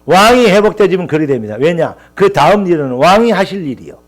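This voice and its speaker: A man's voice: sits high, very animated, brisk. A male pastor preaching a sermon with impassioned, rising emphatic lists and calls of hallelujah.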